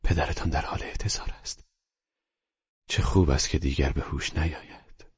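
A man doing a calm older doctor in a storybook reading, speaking in a husky hush that keeps slipping into whispers. The voice sits very deep, and the recording sounds dull and lo-fi. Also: full character voice. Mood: hushed, tender. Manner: soft, hushed, often whispered.

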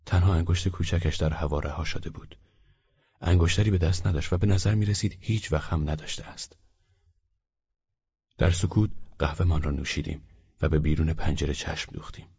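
A man narrating a story audiobook in a calm, measured reading. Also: very deep voice, slightly rough, muffled recording.

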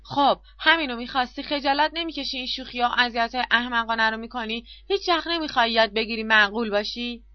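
A woman's voice: medium pitch, expressive, dry recording, muffled recording, lightly acted. A woman reading the lines of a stern, irritable young male tutor who scolds and lectures. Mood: angry scolding.

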